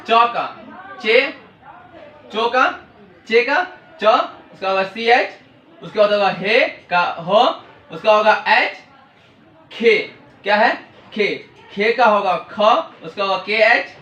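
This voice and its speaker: A man's voice: high-pitched, takes it slowly, long pauses, pushed and bright, muffled recording. A man teaching the alphabet, asking a question and then answering it himself in call-and-response drills. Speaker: language teacher. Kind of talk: classroom-style alphabet lesson. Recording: echoey room, distant mic.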